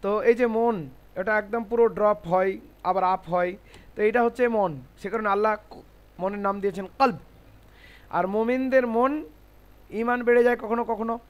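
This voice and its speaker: A man teaching Quran reading in a classroom lesson, explaining slowly, repeating rules and asking his class checking questions. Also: high voice, fairly even intonation, dull audio. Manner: spells out Arabic letters syllable by syllable.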